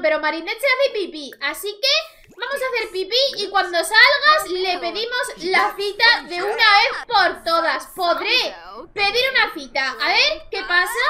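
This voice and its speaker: A woman from Spain giving casual let's-play commentary, dramatically exasperated and swinging between laughter and mock despair. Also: very high-pitched. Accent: Spain Spanish. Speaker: gaming youtuber.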